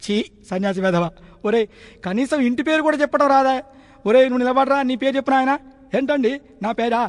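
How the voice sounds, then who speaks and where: High-pitched man, fast talk, dry close sound, man playing a scolding schoolmaster, Telangana Telugu. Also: dry recording. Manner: scolding schoolmaster voice, shouting insults. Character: grumpy village schoolmaster, man, scolds pupils. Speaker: mimicry comedian. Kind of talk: one-man comic sketch with many voices.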